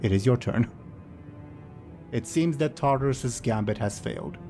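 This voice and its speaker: Brief: male game master, slow and measured, mid-pitched voice, pauses to think. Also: music in the background. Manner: unhurried, thinking aloud with fillers. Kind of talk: narrating a tabletop game.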